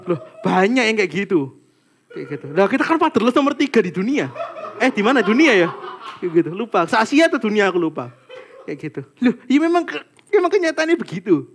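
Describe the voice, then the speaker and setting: A young man preaches to a small church group in a loose, conversational way, speaking. His voice sits high and he keeps breaking off into friendly asides to his listeners. It sounds like an informal talk rather than a formal sermon. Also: a little hiss or hum. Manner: chatty, animated, peppers talk with "guys" and "kayak gitu".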